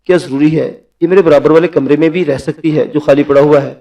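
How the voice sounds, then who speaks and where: Scheming mistress with a cutting tongue read by a man in a near-plain voice, mellow tone, distant mic. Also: a little high, fairly even intonation, natural voice. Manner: taunting, provocative.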